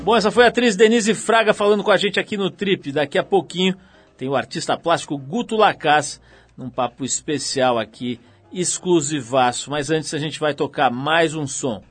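A man hosting a radio show, introducing guests and music in a lively announcer style. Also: a little high, moderate pace, breathy edge. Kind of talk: radio presenting.

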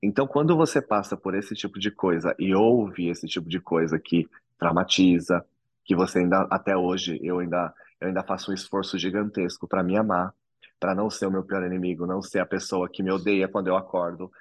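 Earnest man, low dry voice. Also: fairly even intonation, fairly quick, no echo. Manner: earnest, reflective storytelling. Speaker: interview guest. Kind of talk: personal testimony in an interview.

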